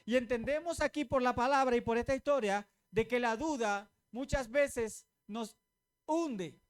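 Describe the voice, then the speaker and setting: A woman pastor delivering a sermon in a smooth, resonant voice. She keeps the congregation involved, having them repeat phrases back and throwing out questions for them to answer. She makes her points with everyday examples and a teasing humor. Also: fairly high pitch, unhurried. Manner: calls on congregation to repeat, asks rhetorical questions.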